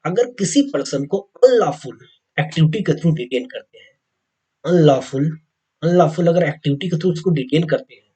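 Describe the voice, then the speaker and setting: An Indian man giving an exam coaching lecture, mixing Hindi with slowly read English legal text and often repeating key points to the viewers. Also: a little high, lively intonation, mellow, slightly rough, low-quality recording. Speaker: teacher.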